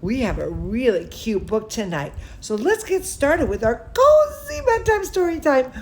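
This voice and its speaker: A woman who hosts children's bedtime stories and also teaches cooking reads a story aloud to young listeners, adding affectionate, chatty asides and exclamations. Her high voice swings widely in pitch at a measured pace.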